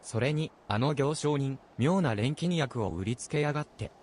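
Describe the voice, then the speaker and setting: A man voicing a gruff, blunt male adventurer in a video game, speaking roughly. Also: medium pitch, fast, a little mellow, slight background noise, natural voice. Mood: irritated.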